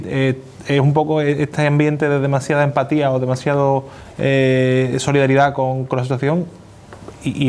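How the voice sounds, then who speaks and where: A man, a journalist putting a long, unscripted interview question in halting, circuitous phrasing. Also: medium pitch, darkish tone. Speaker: journalist panelist.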